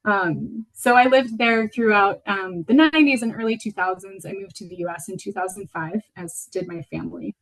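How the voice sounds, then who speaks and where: A woman in her thirties from Venezuela talks at a mid pitch, presenting her work in a loose, unhurried way. She pads her sentences with fillers, and her phrases often fade softly at the end. It sounds like a video call. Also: gravelly, slight background noise, rough recording. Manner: relaxed, with fillers and soft trailing endings. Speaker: guest lecturer, potter. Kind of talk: casual presentation.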